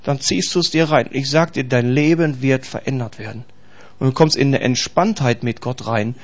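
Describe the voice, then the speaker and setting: A man's voice: mid-range voice, normal speed, dull audio. A man preaching a casual, slangy sermon, acting out little scenes as he talks. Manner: animated, acts out little scenes and voices.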